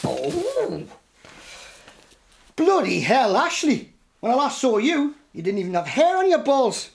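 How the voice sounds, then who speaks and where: An actor playing a gruff, blunt working-class socialist who needles people in a sitcom. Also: male voice, very high voice, huge pitch swings, takes it slowly, exaggerated voice. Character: gruff old-school socialist man, confrontational. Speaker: old left-wing comrade. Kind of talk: sitcom acting.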